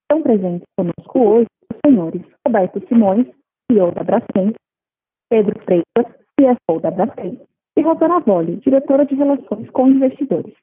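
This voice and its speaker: A woman's voice: on the high side, expressive, normal speed, breathy edge. A woman with a Brazilian accent reads a scripted conference call announcement as an operator, in a polite, formal customer service voice. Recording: muffled lo-fi conference phone line.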